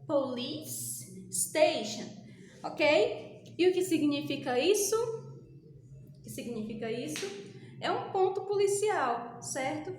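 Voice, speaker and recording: High-pitched teacher lady from brazil, patient, repeats words slowly, very echoey room. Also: lively intonation, darkish tone, slight background noise. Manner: patient, repetitive, drills pronunciation slowly. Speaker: English teacher. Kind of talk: recorded online class. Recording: echoey room with faint ambience.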